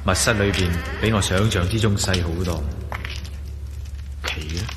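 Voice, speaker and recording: In a radio drama, the lead actor, a man with a Hong Kong Cantonese accent and a deep, slightly slow voice, plays a wary, curious adventurer exploring a dark ancient temple. Intrigued and amazed, he theatrically exclaims and muses to himself. The recording has long, echoey reverb and is clearly noisy.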